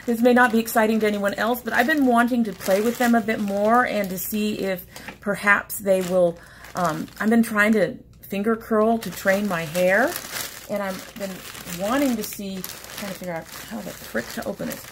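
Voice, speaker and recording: Recording on her desk webcam in a small home room, a woman in her forties talks casually through an unboxing, rambling and interrupting herself. She's a beauty vlogger, slightly sniffly from allergies. Her mid-range voice is steady at a normal speed, and the rough recording carries slight background noise.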